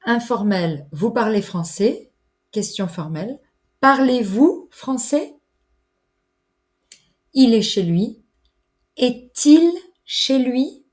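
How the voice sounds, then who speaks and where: A woman teaching a French lesson, enunciating each phrase slowly and carefully. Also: medium pitch, lively intonation. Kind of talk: slow, clear language lesson.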